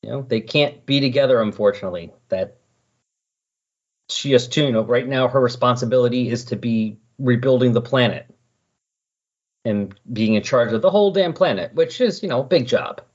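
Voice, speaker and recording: The voice is a man's, medium-pitched and darkish, at a normal speed. As a podcast host discussing comics, he gives a rambling, casual recap and animatedly paraphrases characters' dialogue in asides. It's a dull, lo-fi voice recording.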